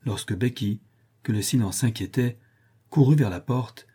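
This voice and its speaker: Husky, dark-voiced male narrator. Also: medium pitch, moderate pace. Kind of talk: audiobook narration.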